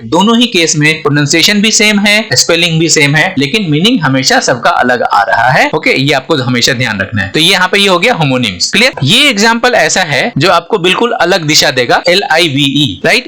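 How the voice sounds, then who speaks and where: A man with a Hindi accent teaching English vocabulary, reading example sentences slowly and often asking "right?". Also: on the high side, pushed and bright.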